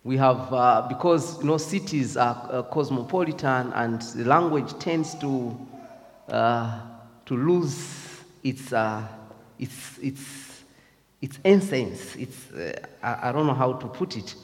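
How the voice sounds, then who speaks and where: A man's voice: mid-range voice, slow pace, big-room sound. A man with a Zambian accent giving a reflective devotional talk, hesitant and full of fillers. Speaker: speaker.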